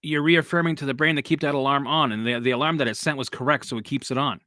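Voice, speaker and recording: Recorded in a clean studio with no echo, a man with a medium-pitched, steady, sharp voice talks fast while hosting a casual live stream as a recovery coach. Answering viewers, he rambles, repeats himself, swears casually and laughs at himself.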